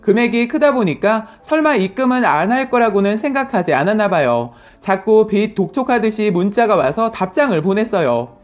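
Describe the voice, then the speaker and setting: A woman calmly narrating a first-person story as a story reader. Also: mid-range voice, moderate pace, hardly any pauses. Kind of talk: story reading for sleep. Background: faint music.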